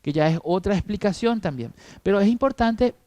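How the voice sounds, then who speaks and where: A man's voice: high voice, expressive, brisk, a little mellow, dry recording. A middle-aged man giving a training talk to church teachers, explaining step by step and asking himself questions. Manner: explanatory, repeats with rhetorical questions.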